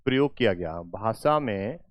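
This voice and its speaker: A man's voice: lowish voice, lively intonation, no room sound. Guy teaching a class, goes over stuff again and again, very dry close sound. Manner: repeats phrases slowly, often checks with "theek hai na". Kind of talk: classroom lecture with examples. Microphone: recording while writing on a board.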